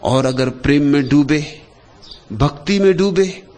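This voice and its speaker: A man giving a spiritual discourse in short, deliberate phrases, pausing often and letting his voice sink low and soft at the end of each thought. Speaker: spiritual speaker.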